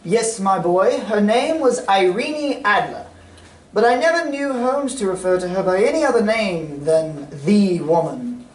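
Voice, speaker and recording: A man's voice: high-pitched, expressive. A man playing Doctor Watson, genial storyteller, echoey. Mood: genial, reminiscing. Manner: courteous, measured, avuncular. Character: genial older gentleman doctor recounting past adventures. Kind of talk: old-time radio drama storytelling. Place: stage reader's theatre performance. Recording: echoey stage, distant mic, background noise.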